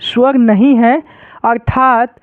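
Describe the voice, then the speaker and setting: A man's voice: extremely high pitch, little pitch movement, takes it slowly, no echo. A man teaching a lesson, repeating points and often checking that students follow. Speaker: Sanskrit teacher. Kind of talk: classroom-style lesson explanation. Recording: dry, tinny phone-like sound.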